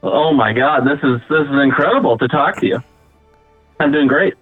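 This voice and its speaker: A man's voice: a little high, moderate pace, soft background music. A man calling in to a comedy podcast, boastful and playfully hammy. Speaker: caller. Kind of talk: casual chat. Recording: tinny phone line.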